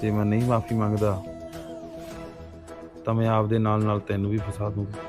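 A torn, guilt-ridden young husband, played by a man, speaking low and flat in a brooding way. Music plays clearly behind him. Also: normal speed, lightly acted. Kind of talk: rural family drama acting.

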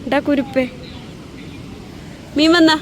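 A woman's voice: high voice, fairly even intonation, slow pace. Chatty woman mixing in English, noisy outdoors. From Lakshadweep, India. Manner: mixes English words into Malayalam. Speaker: vlogger. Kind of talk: casual chatty vlog. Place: outdoors at a park by a beach. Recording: noisy outdoor recording with vehicle sounds.

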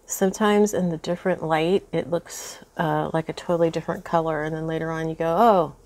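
At a craft table indoors, a woman with allergy congestion gives a casual beading tutorial, chatty and full of ums as she thinks out loud. She speaks briskly in a low, darkish voice with fairly even intonation.

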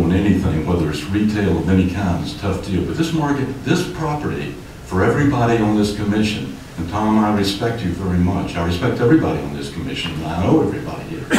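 Giving public comment as a developer, an older man speaks in a deep, slightly mellow voice, emphatic, gesturing and increasingly heated. He's at a podium microphone in an indoor city commission chamber, and the distant pickup in the echoey hall carries a little hiss or hum.

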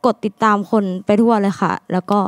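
A young woman university student answering a host on stage, speaking haltingly into a handheld mic. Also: mid-range voice, no echo. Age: young adult. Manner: hesitant, halting. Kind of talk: answering on a talk show.

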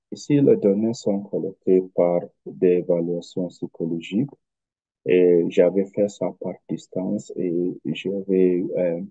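A man with a foreign accent in French, a non-native speaker giving an academic presentation in halting, careful phrases over a video call. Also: low-pitched, mellow, no room sound, highs cut off. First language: not French. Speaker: researcher presenting a study.

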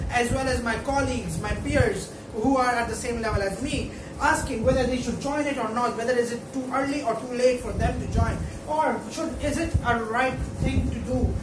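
A man in his twenties with a Pakistani accent explains things informally and emphatically to camera, repeating his points. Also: extremely high pitch. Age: 20s. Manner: emphatic, repeats points, often checks with "okay". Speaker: medical student presenting an educational video. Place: indoor room in front of a whiteboard. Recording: echoey room, distant mic, clear background noise.

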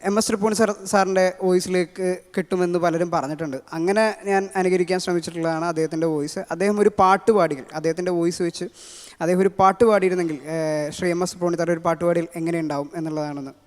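A man with a Malayali accent introducing his impressions, talking fast with many fillers. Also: high-pitched, fairly even intonation, darkish tone. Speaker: mimicry artist. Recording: long hall reverb.

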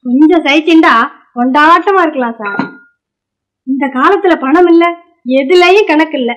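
Cheeky young singer woman, self-assured, very high voice, woman acting it, old film. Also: muffled recording, close to an everyday voice. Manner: cheeky, quick retorts. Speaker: singer staying in the house.

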